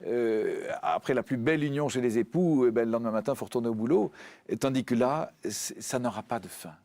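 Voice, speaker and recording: An earnest man speaks as a guest in a spiritual radio discussion. His pitch sits in the middle of the range, and he often repeats words while reaching for the next thought. He talks in a reflective, unscripted way. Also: a little fast, mellow.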